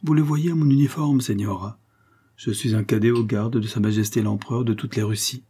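A man's voice: mid-range voice, fairly even intonation, fairly quick, warm tone, slightly rough. A man reading the part of a secretive, teasing young male guard cadet in a storybook. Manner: insinuating, playful, secretive.

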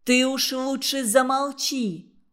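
A woman's voice: sits high, fairly even intonation, slow pace, fairly bright tone. A woman voicing a sensible girl who leads the group, speaking firmly and sternly. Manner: firm, stern.

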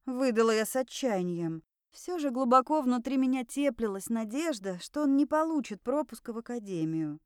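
A woman narrating a first-person audiobook with a lively, ironic reading and voiced asides, close to a studio microphone. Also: fairly high pitch, normal speed, smooth, no echo.

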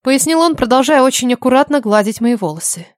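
A woman's voice: sits high, a little fast, no echo, clean studio sound. A woman narrating a first-person audiobook and speaking the heroine's lines with expression. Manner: expressive, indignant in dialogue.

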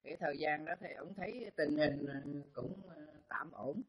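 A Buddhist monk telling folksy parables in a dharma talk, repeating words and pausing on fillers, in a dull, roomy recording. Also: male voice, a little high, a crowd in the background. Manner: folksy, repetitive, hesitant with fillers.

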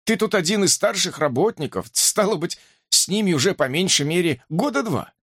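A man's voice: high voice, animated, moderate pace, fairly bright tone, no echo, studio quality, voice pushed up, heavily acted. A man voicing a shrewd older cowboy detective who coaxes with a raised, overly friendly tone. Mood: coaxing.

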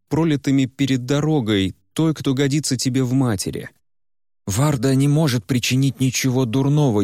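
A man voicing a protective male fire spirit in a measured, steady way. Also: mid-range voice, no room sound, studio quality, voice pushed up, lightly acted. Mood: solemn. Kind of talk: audiobook character voice.

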